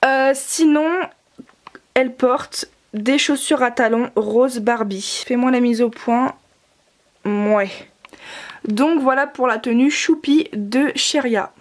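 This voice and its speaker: A young woman with a high voice chats her way through a show-and-tell. She rambles a little, fills gaps with hesitations and corrects herself as she goes. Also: slow pace, pauses often. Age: young adult. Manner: chatty, rambling, many fillers and self-corrections. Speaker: doll collector vlogger. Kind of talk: casual show-and-tell narration.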